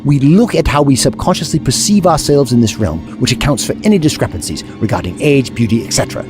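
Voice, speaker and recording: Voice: medium pitch, animated, quick pace, over music, close to an everyday voice. A performer in an audio drama playing the Doctor, an eccentric, kindly time traveller who explains things in a wordy, scholarly way. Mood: earnest, explaining.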